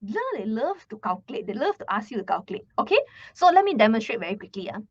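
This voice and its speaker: A woman's voice: fairly high pitch, sing-song, fast, dry recording. A young woman teaching a live online math lesson with a Malaysian English accent, chatty and repeating her words, ending phrases with "lah". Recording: slightly muffled dry recording.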